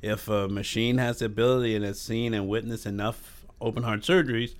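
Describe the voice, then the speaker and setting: A man's voice: fairly low pitch, steady tone, a little fast. A man giving casual, plain-spoken opinions as a podcast commentator.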